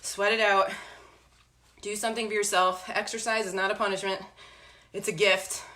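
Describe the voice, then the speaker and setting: A woman's voice: mid-range voice, level tone, normal speed, sharp tone. A woman coaching a live online home workout, out of breath, with urgent, encouraging gym-coach calls in a very echoey room. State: out of breath from exercise. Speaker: fitness instructor leading a home workout. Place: echoey indoor room with hard floor at home. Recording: very echoey room, faint noise.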